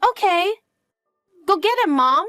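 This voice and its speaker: A woman voicing an anxious, clingy elementary-school girl in an audio drama, asking high, pleading questions. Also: lively intonation, slow pace, sharp tone, no room sound, soft background music, heavily acted. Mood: eager.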